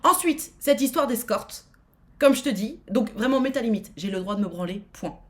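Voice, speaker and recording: A woman streamer giving frank advice live, reading out viewer messages, blunt and outspoken with plenty of swearing, quick to get worked up. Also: a little high, expressive.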